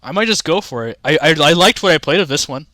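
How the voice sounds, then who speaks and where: A man's voice: fairly high pitch, lively intonation, quick pace, bright, forceful tone, no echo, clean studio sound. A young man rambling casually to his chat during a livestream, often restarting sentences. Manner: rambling, chatty, talks to chat. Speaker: streamer.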